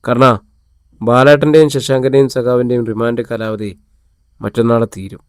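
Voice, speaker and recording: A man's voice: mid-range voice, level tone, moderate pace, no echo, close to an everyday voice. An earnest young friend who passes on news plainly and without fuss, as a male storyteller reads him. The sound is close and dry, like a read audiobook.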